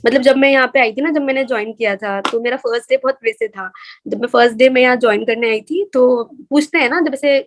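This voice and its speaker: A young woman from India, a medical resident and interview guest, telling her stories in a lively, anecdotal way. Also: sits high, fast talker. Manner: lively anecdotal storyteller, acts out others' lines. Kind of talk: casual interview storytelling.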